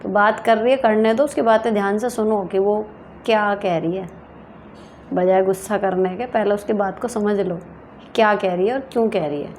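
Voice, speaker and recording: A woman hosts a casual advice talk and answers viewer questions in a frank, down-to-earth way. Her voice sits at a middle pitch. A faint hiss of background noise stays under her voice. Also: fairly even intonation, normal speed, a little mellow. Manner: frank, direct, reads questions aloud then answers plainly. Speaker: advice show host.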